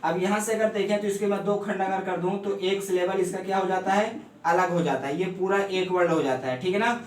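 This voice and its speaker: A man teaching shorthand step by step, explaining at a board in speech and often asking if it is clear. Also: high voice, brisk. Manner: steady, repeats "ठीक है ना" often. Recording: echoey room, mic far off, faint hum.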